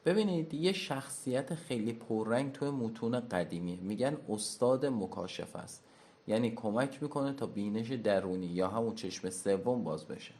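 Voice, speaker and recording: A man teaching in a classroom-style lecture at a whiteboard, explaining step by step and slowly spelling out pronunciations. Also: medium pitch, animated, a little mellow. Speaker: teacher of occult lore.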